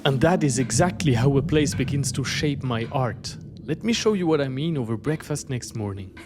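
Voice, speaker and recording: A native French speaker from French-speaking Switzerland, with a Swiss French accent, narrates his travels as an artist presenting his journey, reading from a script. His mid-range voice is animated and moves at a normal speed, with music playing behind him. The telling is reflective, like a story.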